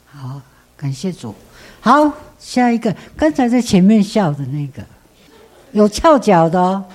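A woman's voice: mid-range voice, very animated, unhurried, a little mellow, a little hiss or hum. A woman leading a gathering with informal spoken testimony, repeating herself and posing questions she then answers.

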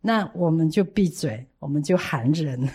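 Woman, fairly low pitch, informal religious testimony. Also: animated, moderate pace, mellow, slightly rough. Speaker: speaker giving a religious testimony.

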